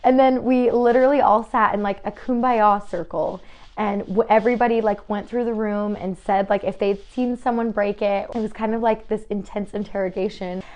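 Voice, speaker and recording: A woman's voice: mid-range voice, steady tone, normal speed, a little mellow. A young adult woman chatting in a bubbly way on her home vlog, sharing faith stories and crafts. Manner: bubbly and chatty, with frequent "like" and laughs. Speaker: vlogger. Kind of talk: casual faith-based vlog chat. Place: new family home.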